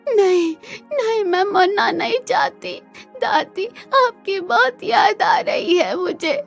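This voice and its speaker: A woman's voice: extremely high pitch, slow pace, vocal fry, faint music behind, heavily acted. Woman voicing a frightened little goat. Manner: pleading, tearful. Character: frightened young female goat.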